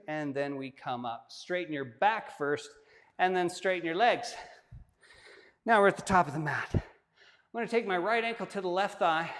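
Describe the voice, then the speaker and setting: Male yoga teacher, slightly raised pitch, laid-back and joking, recorded with a long room echo. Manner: relaxed, joking asides while demonstrating. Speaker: yoga instructor. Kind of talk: guided yoga class instruction. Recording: long hall-like reverb.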